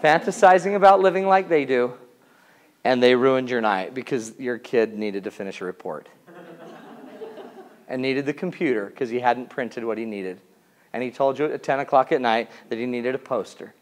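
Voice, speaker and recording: A man's voice: mid-range voice, moderate pace. Jokey man teaching a class. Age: 40s. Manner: jokey, theatrical, asks the audience questions. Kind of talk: comedic lecture to a class.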